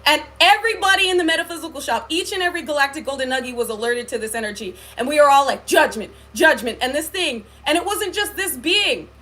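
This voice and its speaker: A woman's voice: sits high, fast talker, hardly any pauses, sharp tone. A woman talking to her viewers on a livestream, telling a spiritual story in an earnest way with many filler likes and ums. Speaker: spiritual reader. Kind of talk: livestream talk.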